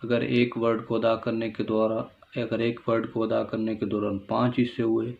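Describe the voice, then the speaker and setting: A man whose first language is Urdu, explaining English syllables as a teacher, stretching out example words slowly and asking rhetorical questions. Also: on the low side, monotone, vocal fry, phone-quality sound. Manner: slow, drawn-out word pronunciation with repeated rhetorical questions. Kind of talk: classroom-style explanation.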